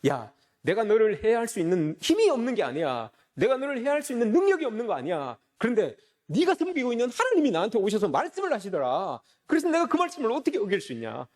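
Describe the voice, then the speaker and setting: A proud, blunt uncle speaks in a high, lively voice and boasts quickly of his own strength, voiced by a male preacher in the middle of a sermon. The delivery is plain and conversational. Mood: boastful.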